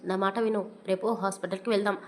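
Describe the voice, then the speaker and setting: A woman voicing a young husband who talks to his wife in a gently teasing, amused way. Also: mid-range voice, fairly even intonation, fast talker, slight background noise, close to an everyday voice.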